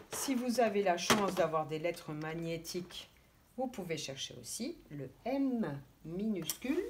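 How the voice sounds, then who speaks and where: A woman who teaches preschool speaks in an unhurried way, with a voice that rises and falls a great deal as she addresses young children directly. She sounds out letters carefully and gives patient step-by-step instructions, with faint noise behind her. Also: on the low side. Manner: slow, clearly articulated, sounding out letters.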